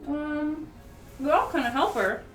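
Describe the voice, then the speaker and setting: A prim cat princess running an inn, voiced by a woman with a lightly raised pitch and a haughty, matter-of-fact lilt. She sounds roomy and set back from the mic, with faint music underneath. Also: unhurried, recorded from a distance.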